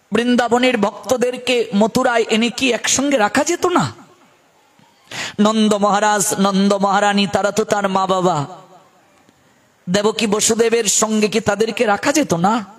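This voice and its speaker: Man, devotional preacher, very high-pitched, impassioned, rhetorical. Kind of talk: sermon.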